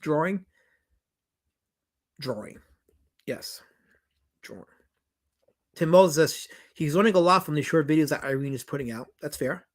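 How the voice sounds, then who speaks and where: This New York-accented documentary director runs a casual livestream Q&A, reading out viewer comments. His voice sits a little high and sounds animated, unhurried and full of pauses, while his answers ramble emphatically with frequent restarts and repeated words.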